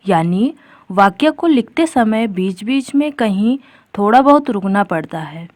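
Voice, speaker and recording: A woman's voice: medium pitch, darkish tone, no echo. Woman teaching an exam-prep grammar lesson. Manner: explains step by step, addresses viewers as friends.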